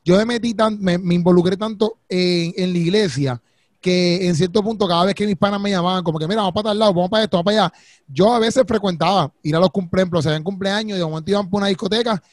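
Fast, high man. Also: dry recording, clean studio sound. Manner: slangy, quick anecdotal storytelling. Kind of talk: casual chat.

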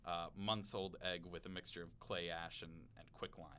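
A young man hosts a casual student podcast. His voice sits low but bright. He reads news items with loose, hesitant fillers. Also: flat delivery, normal speed, a little hiss or hum. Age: young adult. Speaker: podcast host.

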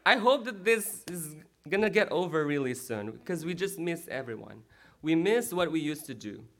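High, bright-voiced man preaching. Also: moderate pace. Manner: lively, checks in with the crowd with "right?" and "amen?". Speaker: pastor. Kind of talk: sermon. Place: church.

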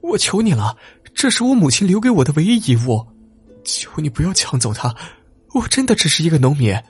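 A male storyteller becomes a timid young farm boy, his voice jumping high as he sobs and pleads. The tone is husky and breathy, rising and falling wildly. Faint music sits underneath. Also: exaggerated voice. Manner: high, tearful begging.

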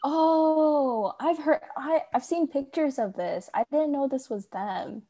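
A woman's voice: high voice, takes it slowly, mellow. A young woman co-hosting a casual chat, giggly and joking. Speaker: podcast co-host.

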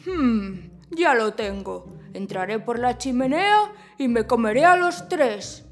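A woman's voice: fairly high pitch, lively intonation, slow pace, faint music behind, pitched below the performer's own voice, heavily acted. A woman with a Castilian Spanish accent voicing a menacing, scheming male wolf in a children's storybook, with theatrical threats.

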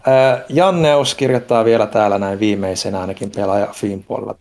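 A young man co-hosting a casual podcast chat, relaxed, at times reading a poem aloud slowly. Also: fairly low pitch, slight background noise. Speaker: podcast co-host.

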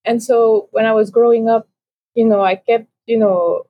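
A woman's voice: on the high side, fairly even intonation, moderate pace, breathy edge, lo-fi sound. A young woman from France, a guest on a podcast, chatting casually over a video call with many fillers and restarts. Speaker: podcast guest, ocean educator. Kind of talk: casual interview conversation.

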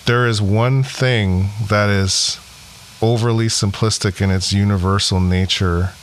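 A man's voice: on the low side, steady tone, measured pace. A man hosting a casual podcast, talking in an earnest, reflective way with some joking. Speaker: podcast host.

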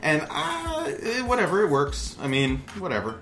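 A man's voice: on the high side, wildly swooping pitch, moderate pace, fairly bright tone, echoey room. A man co-hosting a casual podcast, blunt and opinionated, swearing freely. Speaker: podcast co-host. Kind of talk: casual chat.

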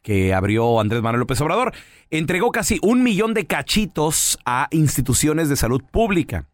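A man's voice: fairly high pitch, big pitch swings, moderate pace, no room sound, studio quality. Chatty Mexican male radio host. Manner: explains news stories at length to co-hosts. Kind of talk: casual radio chat.

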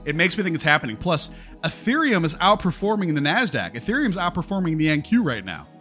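Man, slightly high voice, blunt and profane, live-stream market talk, faint music underneath. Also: big pitch swings, quick pace, a bit bright. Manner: blunt and profane, reads out chat comments.

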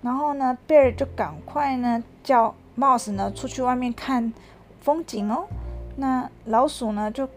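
A mother reading a picture book aloud to her child, lively and stopping to ask questions. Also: sits high, measured pace, faint music behind.

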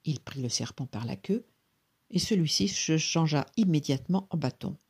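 Husky storybook narrator. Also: mid-range voice, animated, normal speed, darkish tone. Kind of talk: storybook reading aloud.

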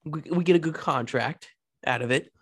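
A man co-hosting a casual podcast chat, playful and quick to riff on a joke. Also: fairly high pitch, husky. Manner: lively, playful, riffs on bits. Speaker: podcast co-host.

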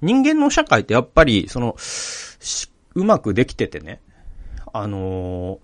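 A man with a lowish voice hosts a casual podcast, wandering through a personal story full of fillers and restarts. His pitch rises and falls a lot as he talks, and the sound is close and dry. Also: huge pitch swings, measured pace, no room sound. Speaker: podcast host. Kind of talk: casual monologue leading into Bible reflection.

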